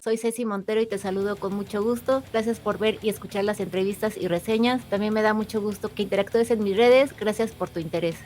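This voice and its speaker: A woman's voice: mid-range voice, fairly even intonation, racing, hardly any pauses, over music. A woman hosting an interview, speaking in a formal, welcoming way. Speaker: interview host.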